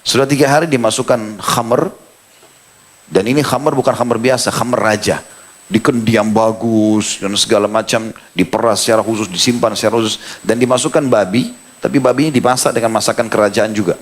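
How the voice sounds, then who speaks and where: A man preaching, telling a story with animated quoted dialogue and reciting Quranic verses. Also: fairly low pitch, brisk. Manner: animated storytelling, quoting the characters. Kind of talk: sermon.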